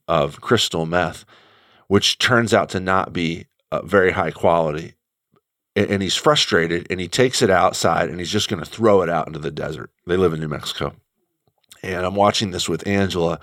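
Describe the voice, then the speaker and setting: A middle-aged man speaks as a guest in a very deep voice, recorded dry and close. He talks thoughtfully, stopping and restarting as he searches for words. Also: fairly bright tone, no echo. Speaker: guest commentator. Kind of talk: conversational radio talk.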